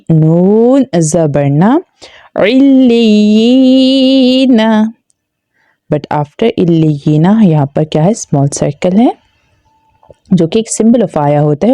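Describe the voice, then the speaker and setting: A woman teaching recitation, dragging out each syllable before switching to quick explanations sprinkled with English. Her voice is mellow and warm, never bright. It sounds dry and close, with no room around it. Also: sits low, dry recording. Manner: spells syllables slowly and stretches them, then explains quickly. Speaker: Quran reading teacher. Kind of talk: spelled-out recitation lesson.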